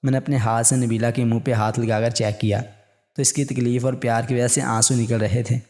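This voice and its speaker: Man, storyteller, scripted narration, calm steady reading, warm mellow tone. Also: mid-range voice.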